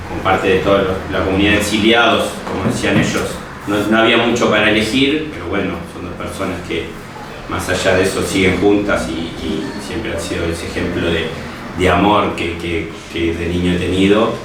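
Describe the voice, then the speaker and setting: A young man with a Uruguayan Spanish accent, a history student and teacher, speaking reflectively with many restarts and tag questions in a personal interview. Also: low-pitched. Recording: echoey room, distant mic, faint noise.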